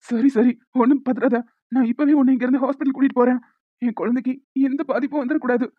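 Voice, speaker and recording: A woman's voice: high voice, fairly even intonation, fast. A panicked young husband in a cartoon, acted by a woman, urgent and alarmed. The sound is narrow and phone-like, with no room echo. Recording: tinny phone-like dry recording.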